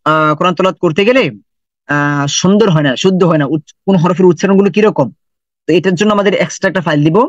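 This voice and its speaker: Guy teaching quran reading online, repeats sounds a lot, kinda high voice, dry dull audio. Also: no room sound. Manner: patient explaining, repeats sounds and examples. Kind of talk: online recitation lesson.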